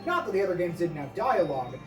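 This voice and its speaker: Fast and medium-pitched, with big swings in pitch, the podcast co-host keeps up a casual, opinionated chat, rambling emphatically and cursing without restraint. Music sits in the background, and a far-off mic adds roomy echo.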